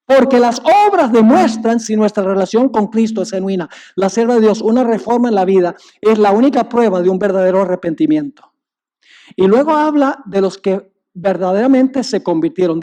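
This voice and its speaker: With a high and mellow voice, a pastor delivers a sermon built around a parable. He tells it emphatically and addresses his congregation directly.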